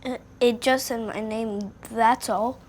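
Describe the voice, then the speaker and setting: A woman's voice: a little high, fairly even intonation, takes it slowly, darkish tone, a little hiss or hum. A woman voicing a clever, curious young boy in an audio drama, earnest and wondering.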